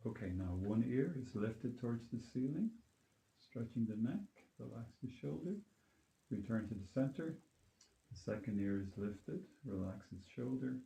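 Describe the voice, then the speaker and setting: A man teaching meditation and yoga, leading a calm grounding exercise with unhurried, gently instructive guidance through mindful movement. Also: mid-range voice, creaky. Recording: roomy, echoing indoor sound.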